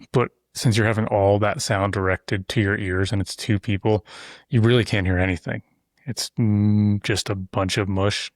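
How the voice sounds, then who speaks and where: Talking easily in a casual conversation, this male podcast host has a lowish voice and explains things at length, wandering into loose asides. Recorded on a close studio mic in an insulated shop-building studio, the audio is dry and close, with no echo from the room.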